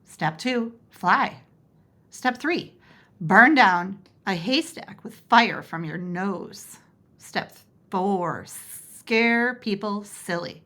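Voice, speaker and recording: A woman reading a picture book aloud with expressive storytelling. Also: mid-range voice, drawn-out words. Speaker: storybook reader.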